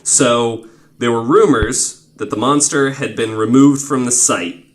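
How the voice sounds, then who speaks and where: At a measured pace and medium pitch, a podcast host in his twenties spins casual, conversational stories. He speaks informally, curses often, and leans heavily on "like" as filler.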